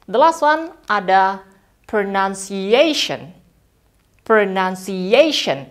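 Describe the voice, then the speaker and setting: Lively woman teaching English pronunciation. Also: mid-range voice. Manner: slow, stretched model words between quick explanations. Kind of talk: friendly online lesson.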